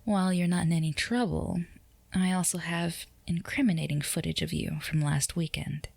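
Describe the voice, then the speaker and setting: In this roleplay ASMR drama, a woman voices a commanding, flirtatious boss who teases with the certainty of someone always obeyed. Her low, soft, gravelly delivery drops into whispers at normal speed with a steady tone, recorded very close and dry with no room sound. She comes across sly and teasing.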